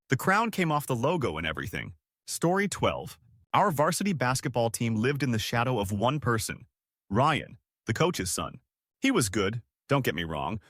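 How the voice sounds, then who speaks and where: A man narrating scripted stories in a lively storytelling manner, recorded close to the mic. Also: no echo. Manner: lively storytelling with big pitch swings.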